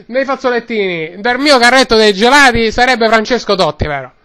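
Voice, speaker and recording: A man's voice: very high-pitched, expressive, brisk, sharp tone, clean tone, full character voice. A man voicing a chatty Roman ice-cream seller in a radio comedy sketch, rambling and ending lines with tag questions, with a Roman accent. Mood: boastful. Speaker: comic guest figure.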